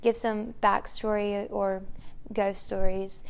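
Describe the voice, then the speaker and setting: A woman's voice: mid-range voice, level tone, slow pace, creaky, clear, resonant tone. A woman co-hosting a vlog, telling a story casually and matter-of-factly in a room of an old house. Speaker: vlog co-host. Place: room inside an old mansion.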